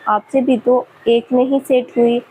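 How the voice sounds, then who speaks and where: A woman's voice: fairly high pitch, level tone, unhurried, mellow, a little hiss or hum, close to an everyday voice, poor audio. A woman voicing a cheeky, playful younger brother.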